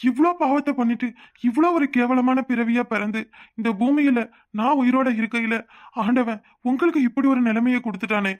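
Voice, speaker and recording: A man's voice: extremely high pitch, fairly quick, highs cut off. A man voicing a remorseful, pleading cartoon man. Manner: pleading, self-reproaching. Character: remorseful man pleading with his brother-in-law. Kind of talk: cartoon voice acting.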